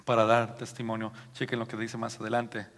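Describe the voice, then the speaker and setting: Mexican pastor man giving a sermon, playful, booming quotes, big reverby church. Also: brisk. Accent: Mexican Spanish. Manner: lively, joking, acts out quotes loudly. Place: church hall.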